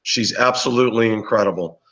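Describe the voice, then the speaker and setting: Hoarse and raspy from bronchitis, a male livestream host chats casually with viewers in a low, slightly bright voice. He talks fairly quickly and rambles, with lots of fillers and restarts.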